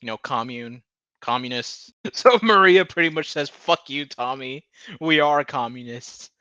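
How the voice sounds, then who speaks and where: In a mid-range voice that's a little slow, pushed and bright, a male commentator swears and laughs his way through a casual TV episode recap, often ridiculing what he describes. He mockingly performs quoted dialogue, and the audio is dull with no room sound.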